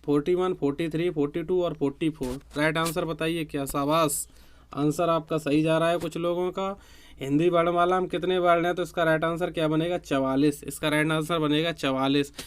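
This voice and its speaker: A man's voice: on the high side, little pitch movement, a little fast, clean tone. A man teaching a grammar quiz to exam students, repeating each question and answer. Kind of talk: online exam-prep quiz lesson.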